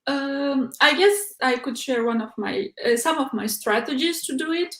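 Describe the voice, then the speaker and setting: High-pitched and animated, the voice belongs to a young Uzbek PhD researcher speaking English as a second language in a roomy-sounding space. As a casual interview guest, she stumbles along with frequent "like" and "uh" fillers and restarts.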